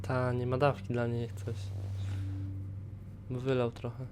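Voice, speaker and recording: A man's voice: medium pitch, monotone, a little slow, background noise. A man giving casual let's-play commentary as a gaming streamer.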